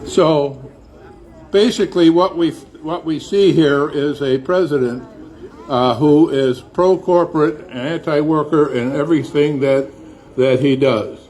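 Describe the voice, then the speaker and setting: A man's voice: a little high, measured pace, a little mellow, low-quality recording. A man giving a political speech at an outdoor protest rally, earnest, with some hesitations. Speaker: rally speaker.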